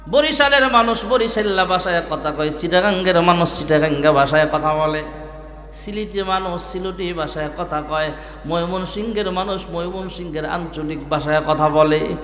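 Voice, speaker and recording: A man's voice: high-pitched, sharp tone. A man from Bangladesh preaching a waz sermon, chanting in a sing-song way and calling on the crowd to respond. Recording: echoey hall with music behind.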